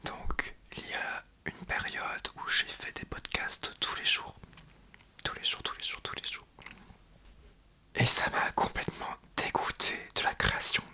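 A young man hosting an ASMR podcast in a breathy, hesitant whisper, speaking right into the listener's ear. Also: measured pace, bright, forceful tone. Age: young adult. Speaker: podcast host.

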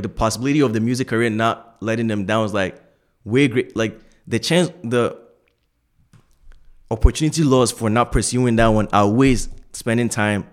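A man in casual conversation, explaining his view earnestly in slangy, informal language. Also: lowish voice.

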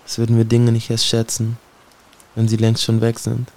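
A man's voice: medium pitch, completely flat delivery, normal speed, dark tone. A man performing a spoken-word poem in a solemn, brooding way, speaking directly to someone he addresses. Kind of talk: spoken-word poetry recitation.

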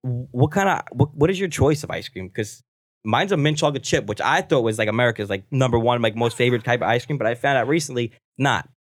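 A man co-hosting a casual podcast chat, animated and slangy, swearing and calling his friends bro. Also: medium pitch, quick pace, no room sound, studio quality. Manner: animated, swears a lot, says bro often. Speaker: podcast co-host.

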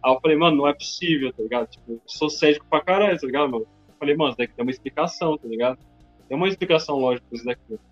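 Fast-talking slangy young Brazilian man. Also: fairly high pitch. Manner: slangy, peppers speech with "mano" and "tá ligado". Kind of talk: casual chat. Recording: dull lo-fi recording with faint music.

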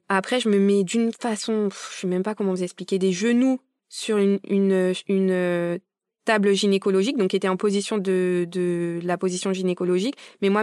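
A woman's voice: mid-range voice, no echo, clean studio sound. A young adult woman telling her birth story casually, acting out the dialogue with emotion. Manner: animated, acts out quoted dialogue. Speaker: podcast guest.

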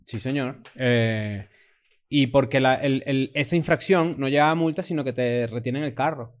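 A man's voice: medium pitch, moderate pace. A Venezuelan man co-hosting a podcast, talking in emphatic, slangy casual chat. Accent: Venezuelan Spanish. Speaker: podcast co-host.

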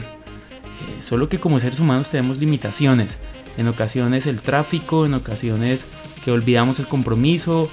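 A man's voice: mid-range voice, darkish tone. Earnest man giving a devotional talk. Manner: earnest, explanatory, with occasional fillers. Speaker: podcast host giving a Bible reflection.

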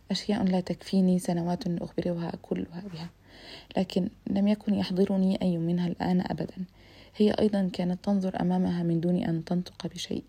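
A woman narrating a literary audiobook. Her voice is dark and husky, and she reads reflectively but briskly. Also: fairly low pitch.

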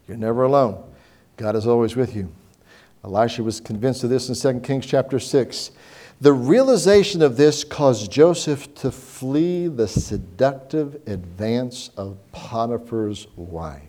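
A man preaching a sermon, telling Bible stories with animated voices and reading scripture slowly. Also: mid-range voice. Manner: animated storytelling, acts out Bible characters; slows down to read scripture.

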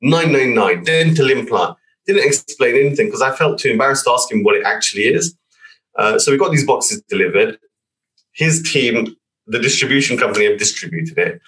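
A man chatting as a guest on a talk show, telling a personal story in a lively way and acting out the voices of the people in it. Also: mid-range voice, fairly quick, far from the mic, low-quality recording. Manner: animated, acts out quoted voices. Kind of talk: casual storytelling.

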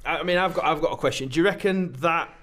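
A man's voice: on the high side, fast, fairly bright tone. Man, 20s, podcast host, teasing, casual chat. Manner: joshing, leads the questions.

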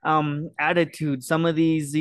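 A man breaks down the game in a casual sports chat, in a measured, analytical way with plenty of fillers. His voice is somewhat high for a man, and the recording is dry and close. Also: level tone, a bit bright, clear, resonant tone, no room sound. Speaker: podcast co-host.

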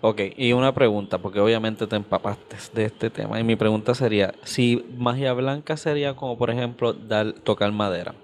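A man's voice: lowish voice, brisk, hardly any pauses. A man interviewing a guest, asking curious follow-up questions with casual fillers.

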